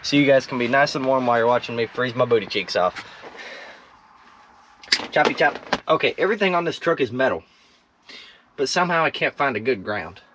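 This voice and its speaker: A teenage vlogger restoring an old truck chats goofily with viewers while he works in and around it, joking at his own expense and mimicking sounds. His mid-range voice is animated, slightly bright and a little fast, broken by long pauses. Clicks and noticeable background noise run through the recording.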